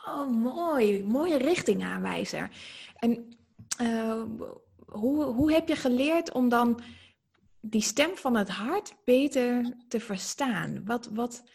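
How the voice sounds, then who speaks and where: Husky, gentle-voiced woman host. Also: a little high, lively intonation, takes it slowly. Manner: gentle, affirming questioner. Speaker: podcast host. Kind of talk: interviewing.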